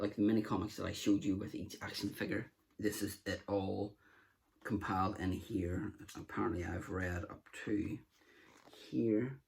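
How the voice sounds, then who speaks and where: Showing off his book collection in a casual vlog, a man talks in a rambling way, with lots of fillers and false starts. His voice is fairly low, gravelly and a little mellow.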